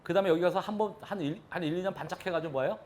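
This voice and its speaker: A man's voice: sits high, very fast, darkish tone, a little hiss or hum. A man giving a live real estate lecture, talking animatedly and throwing questions at his audience.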